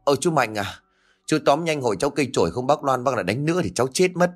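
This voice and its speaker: A man voicing a cheeky young man, pleading and flattering in a quick, whiny way. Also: medium pitch, faint music behind, voice pushed up, lightly acted. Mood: whining.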